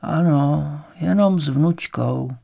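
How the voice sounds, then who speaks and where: A male narrator voicing a frail, bedridden old grandmother who speaks slowly and weakly, resigned to everything. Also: sits low, vocal fry, mellow, exaggerated voice. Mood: weak, plaintive. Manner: slow, weak, plaintive.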